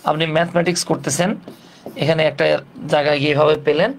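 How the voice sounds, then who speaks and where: A man's voice: a little high, fairly even intonation, brisk, vocal fry, a little hiss or hum. A man teaching English grammar in a casual, step-by-step way, asking rhetorical questions and joking in colloquial speech. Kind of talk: casual classroom lesson.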